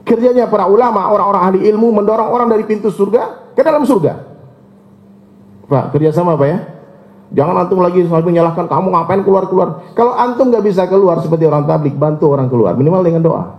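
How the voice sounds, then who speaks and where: A man preaching a sermon, telling stories and acting out the voices of people in them. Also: fast talker. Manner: storytelling, acts out dialogue with shifting pitch. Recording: echoey, muffled lecture recording.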